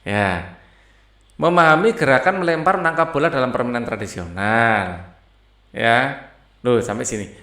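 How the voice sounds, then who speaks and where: A man's voice: medium pitch, bright, forceful tone, roomy sound. A man tutoring primary pupils through a textbook, explaining step by step and often checking in with "ya". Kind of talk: walking through a school textbook.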